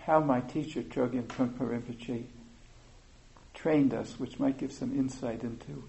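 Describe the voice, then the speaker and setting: Guy teaching meditation, low mellow gravelly voice, slow with lots of uhs. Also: fairly even intonation, rough recording. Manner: slow, thoughtful, with many pauses and fillers. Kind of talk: informal dharma talk.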